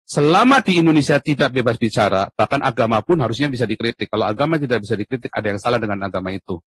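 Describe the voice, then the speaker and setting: A man being interviewed in casual conversation, animated and at times emphatic, almost shouting. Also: medium pitch, racing, breathy edge, dry recording. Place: abroad in Europe.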